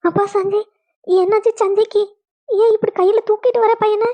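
A woman's voice: extremely high pitch, little pitch movement, normal speed, mellow. A woman voicing a grieving older mother-in-law with a Kongu Tamil accent, wailing and scolding in a family drama. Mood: worried.

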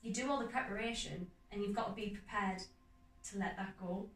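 A young woman actor talking earnestly and enthusiastically in a casual interview, in quick runs of speech. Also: mid-range voice, fairly bright tone, recorded from a distance. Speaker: guest actor. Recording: roomy echo, off-mic, faint music behind.

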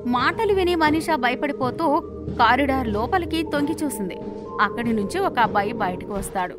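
Female storyteller, high-pitched, dramatic scripted narration over loud background music. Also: lively intonation. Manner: measured, dramatic storybook telling.

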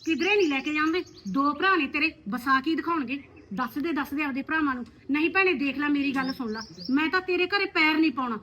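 Lady playing a bossy blunt neighbor, scolding, high voice. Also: quick pace, bright, forceful tone. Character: sharp-tongued neighbor woman giving blunt advice. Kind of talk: rural family drama.

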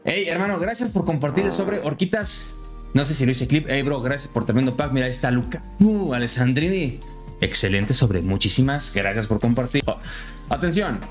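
A man chatting casually on a live stream, friendly and lively, his voice jumping higher when excited. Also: normal speed, soft background music.

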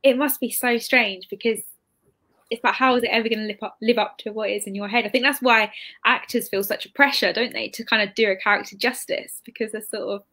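A British woman in her twenties, a bookshop host, interviews someone live over a video call from an indoor room, using her computer mic. She is chatty and informal, full of hedging asides. Her voice is on the high side, steady, brisk, bright and forceful.

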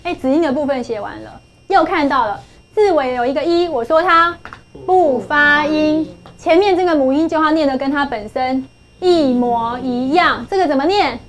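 A middle-aged woman with a high voice leads a classroom phonics lesson. She is patient and coaxing, repeating each point and drawing answers out of her students. A faint hiss sits under the recording. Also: brisk. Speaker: English phonics teacher.

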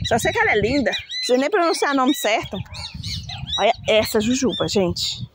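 A woman with a higher voice talks casually to her viewers, chatty and quick to laugh at her own slips. She is among her potted plants, with faint birdsong in the background. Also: sing-song, background noise. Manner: chatty, self-mocking about pronouncing names. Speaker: plant vlogger showing her flowers.

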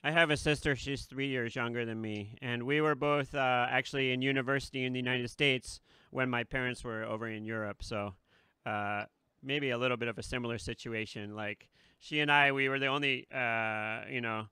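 A man's voice: medium pitch, fairly even intonation, moderate pace, sharp tone, smooth, dry recording. A man hosting a casual interview, chatty and often laughing, on a desk mic with headphones in a small studio. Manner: chatty, laughs between remarks, many fillers. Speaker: host. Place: small studio with red curtain.

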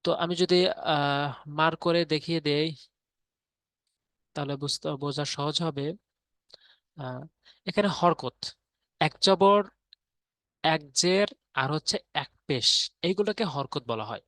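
A man teaching Arabic letter pronunciation in a patient, repetitive tutorial, often pausing on fillers. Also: on the high side, fairly bright tone, no echo. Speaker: Quran reading teacher. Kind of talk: spoken tutorial lesson.

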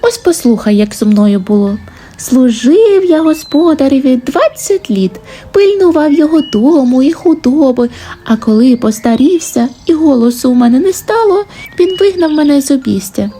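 A woman's voice: sits high, animated, moderate pace, dark tone, slight background noise, pitched above the performer's own voice. A woman voicing an old, faithful dog who mournfully tells of being cast out in a storybook tale. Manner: mournful, resigned.

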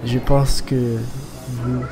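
A man narrates a city walking tour, filming on his phone as he walks beside a busy road. He speaks slowly, pausing often with fillers. Clear background music sits under the voice, along with passing traffic. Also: medium pitch, little pitch movement. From Côte d'Ivoire. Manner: slow, hesitant, many fillers.

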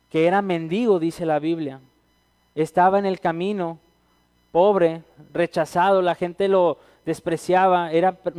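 A man preaches in a church, his high voice smooth and clear. The sound carries a long reverb from the hall. He speaks earnestly and builds at times to loud calls. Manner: earnest, builds to loud cries when quoting. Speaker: guest preacher. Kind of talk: sermon.

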